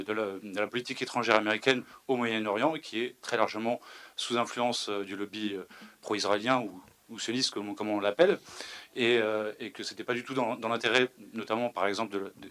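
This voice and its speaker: A man's voice: mid-range voice, fairly bright tone. A man in the audience making a long remark before his question, often repeating words and restarting. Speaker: audience member asking a question. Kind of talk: spontaneous public question. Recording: lecture hall.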